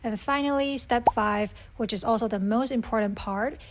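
A woman's voice: fairly high pitch, normal speed, background noise. Young Taiwanese-born woman vlogging. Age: 20s. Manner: relaxed, uses "like" often. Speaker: business analyst vlogger. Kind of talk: casual day-in-the-life vlog narration. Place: apartment home office, indoors. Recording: background music under voice.

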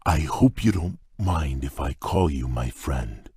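An actor playing a shy, gentle male beast prince in a game, talking in a halting, bashful way with a husky, rumbling voice. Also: lively intonation, dry recording, clean studio sound, full character voice. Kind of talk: game voice clips.

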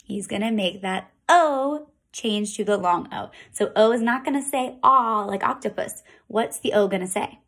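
A woman teaching a phonics lesson to kindergarten children, with slow, sing-song teacher talk and drawn-out sounds. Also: mid-range voice, a bit bright.

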